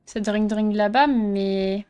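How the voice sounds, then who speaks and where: Playing a horror video game on stream, this woman jokes around, teases herself, and sometimes trips over words when reading aloud. She speaks slowly and steadily in a mid-range voice that sounds warm and clean.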